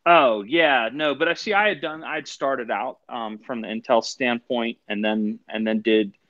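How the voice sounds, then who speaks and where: Halting man in his forties on a call. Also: mid-range voice, no echo, lo-fi sound. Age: 40s. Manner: halting, many ums and restarts. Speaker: caller. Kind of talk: casual group call chat. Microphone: phone.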